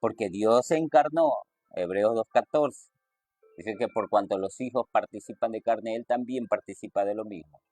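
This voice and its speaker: A man preaching a sermon, reading scripture and stressing quoted lines with sudden lifts in pitch. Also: moderate pace, warm tone, faint music behind.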